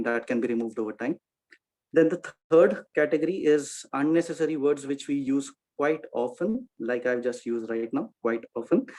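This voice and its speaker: A man, the meeting's grammarian, giving a quick and methodical report on the language used at a club meeting, with a taste for wordplay. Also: medium pitch, a little mellow, poor audio.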